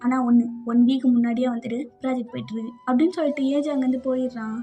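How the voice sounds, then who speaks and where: A woman's voice: sits high, fairly even intonation, racing, mellow, lo-fi sound, faint music behind. A woman narrating a fan fiction audio story in a casual, conversational way.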